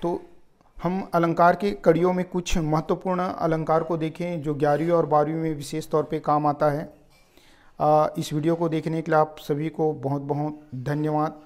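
A man with a slightly high voice teaches a grammar lesson. He explains patiently, step by step. He repeats short example phrases with shifting stress to show how the meaning changes. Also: flat delivery, moderate pace.

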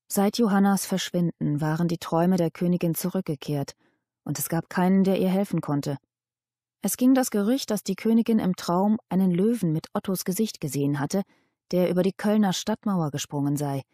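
A woman reading a historical novel aloud as an audiobook, with calm, measured storytelling into a close studio mic. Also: lowish voice, no echo. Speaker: audiobook reader. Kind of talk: scripted narration.

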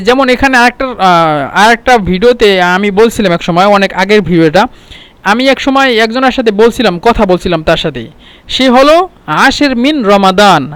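Man from Bangladesh, high smooth voice, casual language teacher, repeats himself a lot, dry close recording. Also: a bit bright, no echo. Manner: explains with many restarts and repeated words, slowing to spell out Arabic words. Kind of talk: casual spoken lesson. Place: home.

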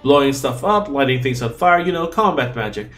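A man's voice: medium pitch, lively intonation, a little fast, a bit bright, faint music behind, close to an everyday voice. A man voicing a blunt, dismissive combat-magic student in a fantasy game.

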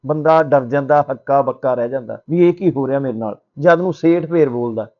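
A man's voice: medium pitch, brisk. Guy telling a moral story, chatty and plain, kinda muffled audio. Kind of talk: motivational storytelling.

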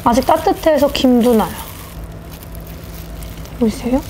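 A woman's voice: high-pitched, a little slow, noisy background. Woman mukbang host, mouth full. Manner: chatty, addresses viewers directly. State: talking with food at lips. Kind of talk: casual mukbang chat with viewers.

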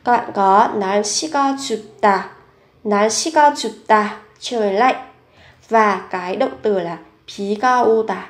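A woman teaching a grammar lesson, explaining example sentences slowly and carefully and reading model sentences aloud more quickly. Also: medium pitch, roomy sound. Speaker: Korean language teacher.

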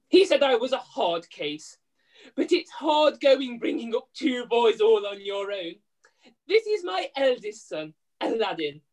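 A woman's voice: on the high side, darkish tone. A woman playing a downtrodden, blustering widowed mother who runs a laundry, in hammy, plaintive pantomime style. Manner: exaggerated, plaintive, addressing the audience. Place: room at home, video call.

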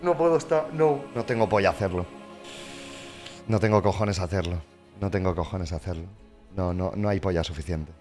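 Excitable Spanish streamer, music behind. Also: male voice, sits low, a little fast, pauses often. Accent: Spain Spanish. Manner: swearing, excitable, swings between mutters and loud cheers. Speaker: gaming streamer. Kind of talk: casual commentary while opening cases.

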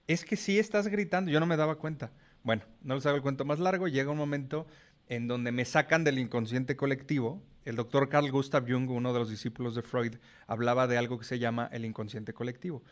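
As a guest in a casual podcast chat, a middle-aged man with a Mexican accent explains himself frankly and swears now and then without any fuss. He speaks a little fast in a steady, middle-pitched voice.

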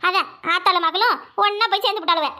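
A blunt, scolding cartoon mother-in-law from a village, as a woman puts her on. Her voice sits very high and rings bright and sharp. She talks with a mocking, bossy edge. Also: fast talker, exaggerated voice. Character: harsh scheming rural mother-in-law, older woman. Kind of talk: cartoon voice acting.

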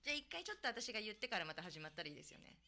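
A woman radio host with a light Hiroshima accent, chatting casually and laughing often. Her voice is bright and forceful, and her pitch swings animatedly through each sentence. A faint hiss sits under it. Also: sing-song, very fast. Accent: Hiroshima Japanese. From Hiroshima, Japan. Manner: chatty, laughs often, reads listener comments.

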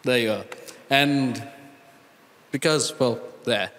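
A man, speaking as a panelist at a conference, earnest and deliberate, pausing and restarting as he thinks, into a handheld mic on a large hall stage. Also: mid-range voice, fairly bright tone. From Sri Lanka. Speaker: conference panelist, data scientist. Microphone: handheld microphone. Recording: reverberant conference hall sound.

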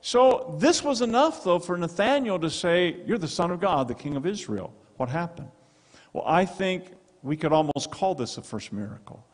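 A man's voice: high-pitched, animated, moderate pace. A middle-aged man preaching a sermon in a church, talking into a handheld mic with emphatic gestures. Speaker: pastor. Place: church sanctuary with stone wall and projection screen. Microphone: handheld microphone. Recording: long hall reverb.

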